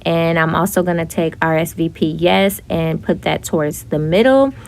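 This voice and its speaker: A young woman narrating a casual makeup tutorial, chatty and relaxed, with frequent fillers. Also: low voice, normal speed, vocal fry. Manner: chatty, with frequent ums and likes. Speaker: beauty vlogger.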